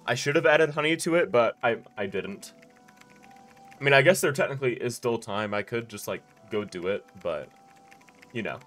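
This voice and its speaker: A man's voice: medium pitch, expressive, moderate pace, a bit bright. Guy streaming a game at home, chill rambling chat, lots of ums, bit of music behind. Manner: laid-back, rambling, many fillers and restarts. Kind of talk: casual live-stream chat while playing.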